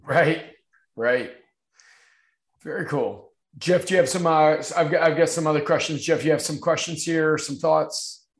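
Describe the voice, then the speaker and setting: A man hosting a casual interview, speaking haltingly and often repeating his phrases. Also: a little high. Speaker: host. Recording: roomy, echoing sound.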